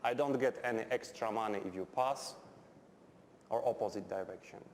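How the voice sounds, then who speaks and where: A middle-aged Polish man gives a university chemistry lecture in English, a non-native language for him, with a Polish accent, a blunt, direct manner, and dry humour. His fairly low voice moves at a moderate pace. The lecture hall sounds echoey, with faint background noise.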